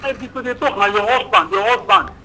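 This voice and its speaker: Creaky Nigerian man on speakerphone. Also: extremely high pitch, fairly quick, sharp tone. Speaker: husband on a phone call. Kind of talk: casual, questioning phone talk. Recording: phone call on speaker, music behind.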